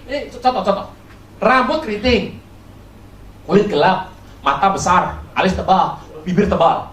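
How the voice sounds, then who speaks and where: A pastor preaching a sermon, quizzing the congregation and swinging between loud high bursts and quiet low asides. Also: a little hiss or hum. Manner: animated, keeps quizzing the congregation. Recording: echoey hall from far off, faint ambience.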